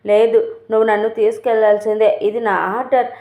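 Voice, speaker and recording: A woman's voice: fairly high pitch, flat delivery, fast talker, warm tone, close to an everyday voice. Woman reading a teasing, headstrong young woman. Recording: tinny, roomy phone-like recording.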